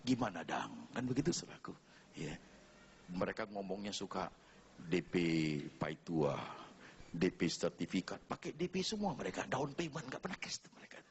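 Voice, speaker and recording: A man's voice: sits low, moderate pace, creaky, slight background noise. A man preaching a sermon to his congregation, telling humorous stories and acting out the people in them. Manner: humorous, animated storytelling with mimicked voices. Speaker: pastor. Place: church.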